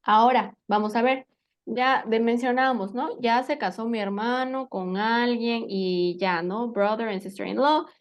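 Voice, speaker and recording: A woman gives an English lesson in a slightly high voice. She explains each word patiently and keeps asking her students whether they follow. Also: a little slow. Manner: patient, checks understanding with frequent questions. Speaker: English teacher. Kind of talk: spoken language lesson.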